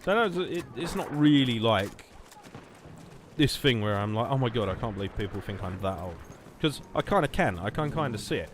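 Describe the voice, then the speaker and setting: Brisk and lively in intonation, a medium-pitched man in his late twenties with a southern English accent livestreams a game. He rambles casually with sarcastic, swearing banter, and a little hiss or hum is audible.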